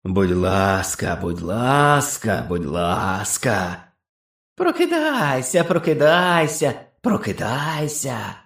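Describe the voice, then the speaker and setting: A man voicing a chorus of jeering beast-men who taunt and chant in slow, drawn-out calls. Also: medium pitch, big pitch swings, creaky, fairly bright tone, slightly rough, voice pushed up, exaggerated voice.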